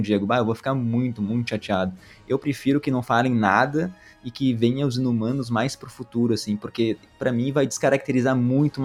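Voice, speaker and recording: Guy on a podcast, mid voice, really opinionated, faint music behind. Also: medium pitch. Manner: opinionated and emphatic. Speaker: podcast co-host. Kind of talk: casual pop-culture podcast chat.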